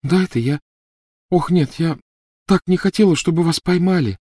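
Man doing a dreamy, high-voiced girl. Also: moderate pace, darkish tone, no echo, studio quality, lightly acted. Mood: gentle.

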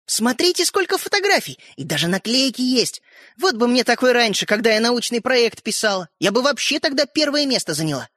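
A woman reader voicing a cheerful, bossy schoolgirl who talks in bright, teasing tones. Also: high-pitched, wildly swooping pitch, normal speed, dry recording, studio quality, pitched above the performer's own voice, exaggerated voice. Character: cheerful know-it-all schoolgirl, bossy older sister.

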